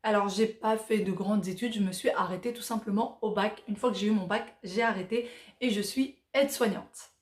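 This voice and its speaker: A woman's voice: mid-range voice, moderate pace, reverberant. A Moroccan-born woman in her thirties, chatting casually as she reads out viewer questions and answers them with plenty of fillers. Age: 30s. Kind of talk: casual Q&A vlog.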